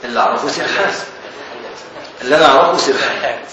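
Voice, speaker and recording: Speaking rapid-fire in a mid-range voice, a teacher of Islamic law with an Egyptian Arabic accent works through a classical legal text, quizzing and ribbing his class. A crowd is audible behind him, and the dull recording is very echoey, distant, and faintly hissy.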